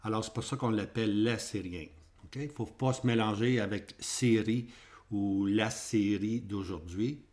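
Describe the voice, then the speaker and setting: A man's voice: lowish voice, measured pace, a little mellow. A man with a Québécois French accent teaching a Bible prophecy lesson over maps, repeating points and checking in with the class. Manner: repetitive, checks in with "hein?" and "ok?".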